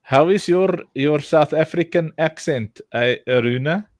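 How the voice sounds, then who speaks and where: A man's voice: fairly high pitch, a little slow, no room sound, studio quality. A man hosting a casual livestream chat, joking and teasing his guests and coaching them to repeat words. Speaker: livestream host.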